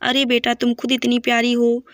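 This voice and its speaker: A woman voicing a kind, loving older mother-in-law in a storybook reading, speaking gently and affectionately. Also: on the high side, completely flat delivery, moderate pace, no echo, clean studio sound.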